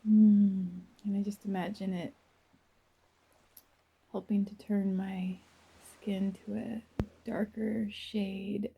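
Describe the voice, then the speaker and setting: A woman narrates a first-person guided visualization, her soft, breathy voice gentle and dreamy with long, unhurried pauses. Her voice sits mid-range and moves little in pitch.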